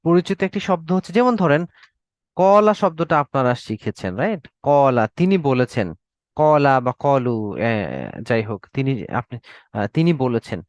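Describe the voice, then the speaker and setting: A man's voice: mid-range voice, animated, measured pace, dry recording, dull audio. A Bangladeshi man teaching an online Arabic class, explaining patiently and often checking with his students. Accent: Bangladeshi Bengali. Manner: explains patiently, repeats words and checks in with "okay?".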